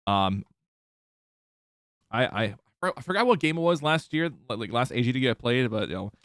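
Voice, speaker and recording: A man's voice: medium pitch, animated, fairly bright tone, no room sound. Streamer guy rambling over a clip, lots of uh and um, dry close sound. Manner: halting, full of fillers and restarts. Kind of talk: casual commentary over a video clip.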